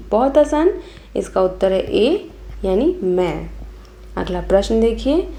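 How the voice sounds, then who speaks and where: Woman teacher, measured exam walkthrough, warm low timbre. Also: creaky. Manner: reads each option then gives the answer.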